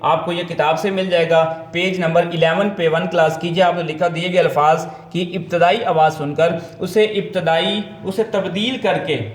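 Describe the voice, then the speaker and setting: Patient man teaching in an echoey room. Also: fairly high pitch. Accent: Pakistani. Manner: patient, repetitive, sounds out letters slowly. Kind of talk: explaining a textbook lesson to parents and tutors.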